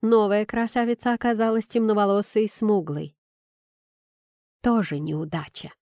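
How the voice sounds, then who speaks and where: A woman reading a first-person fantasy audiobook in an expressive storytelling manner. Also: medium pitch, moderate pace, dry recording, clean studio sound. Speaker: audiobook narrator.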